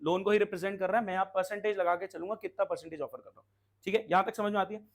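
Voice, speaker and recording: A man's voice: sits high, steady tone, racing. A man teaching commerce in a classroom lecture, who drills his students to call out answers and keeps asking if they follow. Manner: asks frequent check questions. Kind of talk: classroom lecture in Hindi mixed with English terms.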